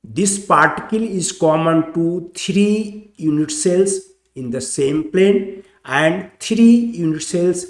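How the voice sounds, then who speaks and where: A man teaching chemistry in a slow, deliberate lecture, repeating each point step by step. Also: fairly high pitch, roomy sound.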